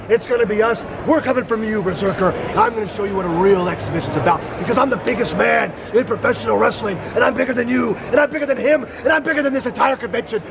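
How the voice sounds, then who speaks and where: A man in his thirties cutting a theatrical, boastful wrestling promo with shouted, drawn-out words. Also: extremely high pitch, vocal fry. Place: large busy convention hall, indoors. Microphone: camera mic a few feet away. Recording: noisy convention hall background.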